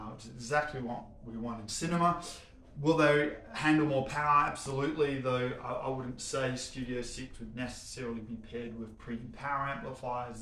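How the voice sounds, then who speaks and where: A home cinema showroom presenter with a slightly bright, mid-range voice chats enthusiastically about products, explaining them in a relaxed way. He's indoors in a warehouse showroom whose reverberant acoustics make the recording echo.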